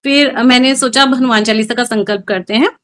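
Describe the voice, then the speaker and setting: A middle-aged woman with a high voice tells her own story in an interview. She speaks earnestly and with feeling, dropping English words into her sentences as she goes. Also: brisk, a bit bright, a little hiss or hum. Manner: emotional, earnest storytelling with Hindi-English mixing. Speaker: guest. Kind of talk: personal testimony interview.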